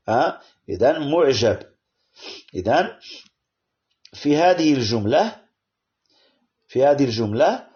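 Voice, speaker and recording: A man's voice: a little high, a little mellow. Guy teaching kids grammar, keeps asking hein?, bouncy voice, muffled audio. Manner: switches between French and Arabic, explaining slowly with frequent "hein?" and "bien". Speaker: primary school teacher. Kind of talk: classroom-style grammar lesson. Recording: dull lo-fi audio.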